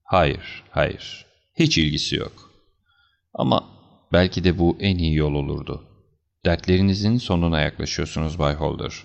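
A man voicing a calm, assured detective who explains things in a measured, slightly stern way, for an audiobook. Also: very deep voice, vocal fry. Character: calm, assured male detective, cool and deliberate. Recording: slightly dull lo-fi recording.

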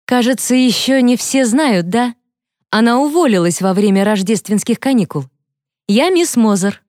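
A woman's voice: fairly high pitch, animated, normal speed, a little mellow, no room sound, studio quality, voice pushed up, close to an everyday voice. A woman voicing a friendly young school nurse with a welcoming way of talking.

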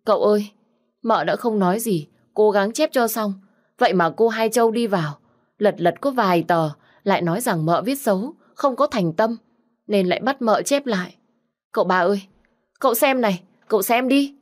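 A woman doing a shrill tattling servant girl. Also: normal speed, a little mellow, close to an everyday voice. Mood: pleading. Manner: pleading, high-pitched complaining. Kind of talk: storybook narration.

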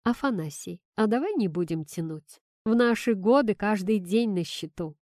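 A woman voicing a calm, cheerful older woman who speaks warmly. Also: medium pitch, moderate pace, no room sound, clean studio sound, natural voice. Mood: gentle.

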